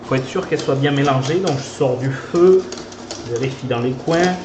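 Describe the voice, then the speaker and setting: A man with a Toulouse French accent gives a live pastry lesson, talking casually while he works. His voice sits at an ordinary pitch and bounces around an echoey kitchen. Steady background noise runs under the recording. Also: moderate pace. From southern France. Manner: chatty, talks while whisking and stirring. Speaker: pastry teacher.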